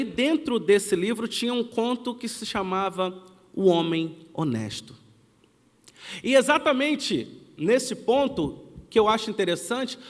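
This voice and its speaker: A Brazilian man preaching from the pulpit, his voice sitting high for a man. He tells stories and slips into the voices of the people in them. Long reverb rings around him in the church. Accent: Brazilian Portuguese. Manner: storytelling, acts out quoted family dialogue. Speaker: pastor. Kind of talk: sermon with personal storytelling.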